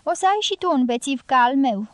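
A woman reading an audiobook, voicing a loud, blunt, domineering middle-aged guerrilla woman in a raised, forceful voice. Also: high voice, lively intonation, no echo. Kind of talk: audiobook character voice.

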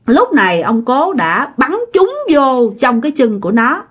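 A woman's voice: high voice, sing-song, measured pace, breathy edge. Chatty woman storyteller. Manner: chatty, folksy, addresses the listener. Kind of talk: telling a ghost story.

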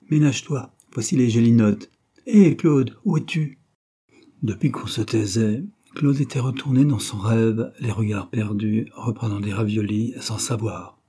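A man reading a classic novel aloud as an audiobook narrator, in an even, measured way. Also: lowish voice, breathy edge.

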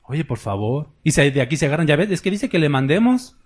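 A man's voice: on the high side, expressive, fast talker. A man preaching a sermon as a pastor. He talks in a conversational way and keeps checking in with the congregation with short tag questions. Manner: conversational preaching, tags points with "¿verdad?" and "¿sí?".

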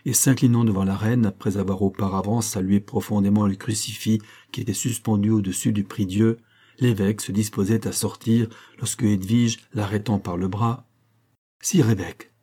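Low husky male audiobook narrator. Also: flat delivery, moderate pace, warm tone.

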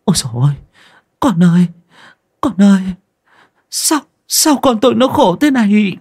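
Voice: medium pitch, very animated, normal speed, a little mellow, slightly rough, voice pushed up. A reader voicing a grieving older noblewoman, a frantic mother crying out over her child in an audio storybook. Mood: wailing. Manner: wailing, sobbing cries.

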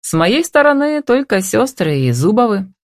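A woman's voice: mid-range voice, very animated, moderate pace, dry recording, clean studio sound, pitched above the performer's own voice. Woman reading as a teasing self-assured businessman. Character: confident wealthy businessman, teasing and commanding. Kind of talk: audiobook reading.

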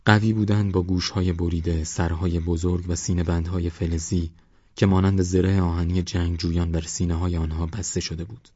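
Male narrator, very low husky voice, steady scripted novel reading, dull sound. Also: dry recording. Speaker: audiobook narrator.

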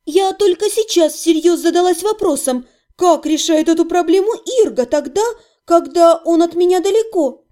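A woman voicing a sharp-tongued young witch heroine in an audiobook, quick-tempered and indignant. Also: extremely high pitch, pitched above the performer's own voice. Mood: teasing, wistful. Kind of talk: audiobook reading.

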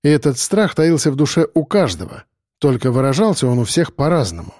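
A man narrating an audiobook in a measured, steady manner. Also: medium pitch, dry recording, studio quality.

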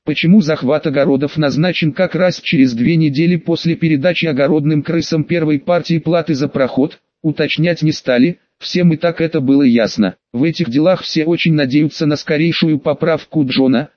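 A man narrating an audiobook in a wry, even storytelling manner. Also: fairly high pitch, a little fast, hardly any pauses, no room sound, lo-fi sound.

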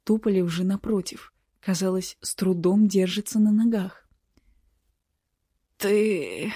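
Middle-aged female audiobook narrator, first person, tense and measured, mellow dark voice, dry close mic. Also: mid-range voice, steady tone, husky, no echo.

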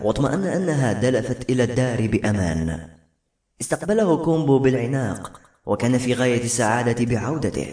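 A man reading a novel aloud as audiobook narrator, with steady, brisk storytelling. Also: medium pitch. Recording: echoey room.

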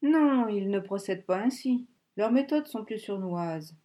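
A woman reading the part of an excitable older male scholar who pleads insistently. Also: medium pitch, a little slow, natural voice. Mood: explaining. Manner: insistent, imploring.

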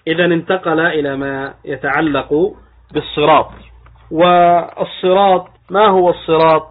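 A man teaches a religious creed lesson as a sheikh, in a voice pitched somewhat high. He explains point by point, asks rhetorical questions and answers them, and slows down to recite texts. The audio is narrow and thin, like a phone line. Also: fairly even intonation. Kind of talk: religious lecture in formal Arabic.

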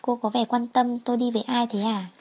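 A woman's voice: a little high, flat delivery, a little fast, a little mellow, slightly rough. A woman doing a curt, mocking rich man. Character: cold, teasing rich man.

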